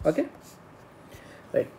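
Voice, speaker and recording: A man's voice: takes it slowly, mellow, a little hiss or hum. A male teacher giving an exam-prep lesson, explaining step by step, often checking in with the viewer and mixing English technical terms into his speech.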